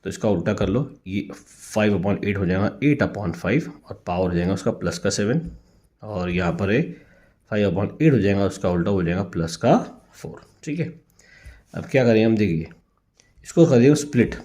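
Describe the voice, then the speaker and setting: A man with an Indian accent, a maths teacher working through exercise problems step by step. He repeats each step patiently and asks the students quick checking questions. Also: on the low side, lively intonation, dark tone.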